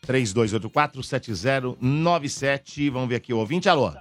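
A man hosting a comedy radio show, taking calls and calming his co-hosts. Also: mid-range voice, dry recording, faint music behind. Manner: brisk, calms the others down. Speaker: radio host. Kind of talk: morning radio banter.

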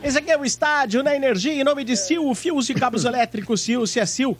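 A man's voice: extremely high pitch, fairly quick. A Brazilian man hosting a sports radio show, presenting and reading sponsor spots.

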